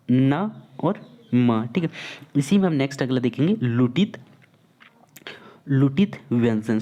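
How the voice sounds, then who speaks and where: A man's voice: medium pitch, warm tone. A man teaching a Hindi grammar lesson for exam students, repeating key terms and asking questions that he then answers himself. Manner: repetitive, asks and answers own questions, addresses students as friends. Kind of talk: online exam-prep lesson.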